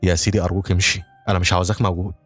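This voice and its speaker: A man's voice: sits low, little pitch movement, rapid-fire, soft background music. A man with an Egyptian Arabic accent reading the lines of a frightened young woman home alone, tense and pleading. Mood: scared.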